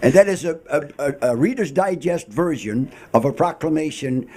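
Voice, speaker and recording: A man's voice: a little high, animated, moderate pace, mellow. A man speaking as an interview guest, explaining and telling stories in a jocular, theatrical way with rhetorical questions. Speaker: town crier guest. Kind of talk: radio interview, explanatory storytelling. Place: radio studio. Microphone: studio microphone.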